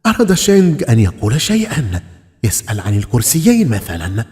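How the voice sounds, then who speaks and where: Lively male folk-tale narrator. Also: medium pitch, fast talker. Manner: dramatic, lively storytelling with voiced dialogue. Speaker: storyteller. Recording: long reverb with faint music.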